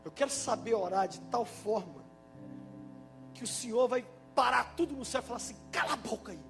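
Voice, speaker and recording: High-voiced fervent Brazilian pastor preaching. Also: male voice, brisk, creaky. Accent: Brazilian Portuguese. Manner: fervent, emphatic preaching with sudden loud bursts. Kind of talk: sermon. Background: instrumental music playing under the preaching.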